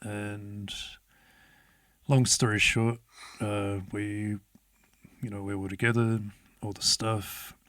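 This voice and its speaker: A man's voice: fairly low pitch, flat delivery, slow, pauses often, a bit bright, no echo. A man, telling a story as an interview guest in a laid-back way, swearing often and laughing as he goes. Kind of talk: casual storytelling.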